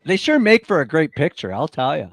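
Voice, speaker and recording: A man's voice: fairly high pitch, big pitch swings, a little fast, creaky. A man hosting a casual talk show, encouraging his guest and often repeating short phrases. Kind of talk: casual chat, interviewing.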